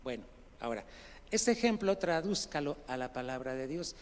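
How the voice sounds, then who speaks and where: Male pastor, fiery sermon, higher-pitched voice, loud bursts and quiet asides, questions the congregation, long echo of a church hall. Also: big pitch swings, moderate pace. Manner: preaching with sudden loud rising outbursts and quiet asides; addresses listeners as brother, asks questions of the congregation.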